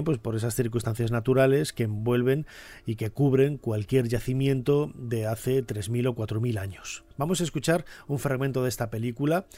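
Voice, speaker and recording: Male presenter, middle-aged, Castilian accent. Mid-pitched informal commentary, discursive, dry sound. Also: a little mellow, no room sound. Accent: Castilian Spanish. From Spain. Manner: discursive, seeks agreement with tag questions.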